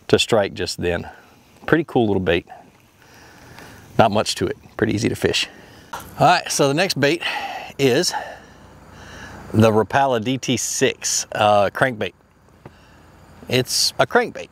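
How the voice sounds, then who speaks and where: Easygoing man fishing from a boat. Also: lowish voice. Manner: rambling, with many fillers and restarts. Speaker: fishing video host. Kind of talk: casual how-to narration while fishing. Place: outdoors on a boat on a lake.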